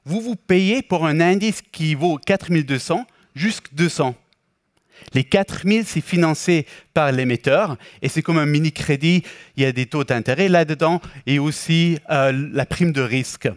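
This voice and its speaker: Higher-pitched man with mixed Swiss German accent. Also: no echo, clean studio sound. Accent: Swiss German with Québécois and English influence, speaking French. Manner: halting, self-correcting. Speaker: bank product specialist giving a presentation. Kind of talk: explanatory financial presentation.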